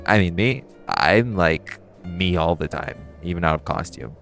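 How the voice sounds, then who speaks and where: In an intimate audio roleplay, a man voices a low-pitched, flirty supervillain who is cocky and curious, needling the listener casually with playful pauses. His exaggerated, slightly bright delivery has lively intonation, with music clearly audible behind him.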